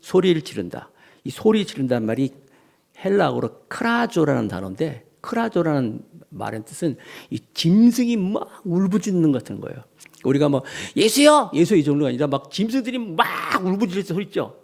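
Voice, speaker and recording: A man's voice: a little high, fairly quick, creaky. A middle-aged male pastor preaching a Sunday sermon, acting out cries and quotes and putting questions to his congregation. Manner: animated, acts out shouts and quotes in the preaching; addresses the congregation directly with questions. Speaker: senior pastor.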